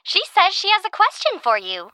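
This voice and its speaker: A woman's voice: very high voice, wildly swooping pitch, normal speed, sharp tone, no room sound, exaggerated voice. A woman voicing a cheerful female rhubarb who screens callers for the show, chirpy and upbeat. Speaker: call screener.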